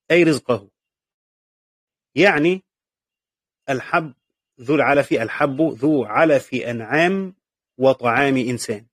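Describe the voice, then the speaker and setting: A man's voice: on the high side, no echo. Man, Egyptian Arabic accent, classroom lecture, patient explainer, repeats key points, dry recording. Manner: patient, asks and answers his own questions, repeats key points. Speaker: teacher of Quran commentary.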